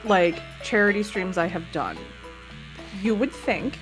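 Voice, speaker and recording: A woman hosting a charity gaming stream, thanking donors warmly while she plays. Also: mid-range voice, a little slow, over music, poor audio. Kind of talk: casual gaming stream chat.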